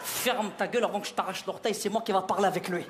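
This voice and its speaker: A man on stage voicing his stubborn, gruff older father, cocky and harsh, with mangled English. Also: high-pitched, steady tone, fast, slight background noise, pitched below the performer's own voice, lightly acted. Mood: angry.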